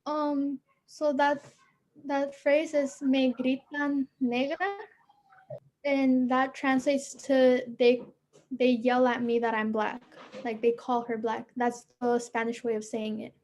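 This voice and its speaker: A woman student calmly explaining a phrase in an online class over a video call. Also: sits high, low-quality recording. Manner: explanatory, measured. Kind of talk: class discussion.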